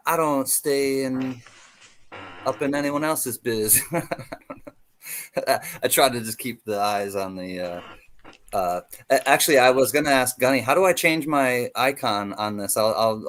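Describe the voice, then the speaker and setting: A man's voice: medium pitch, fairly bright tone, a little hiss or hum. A man co-hosting a casual livestream, chatting in a friendly, slightly hesitant way. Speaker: livestream co-host.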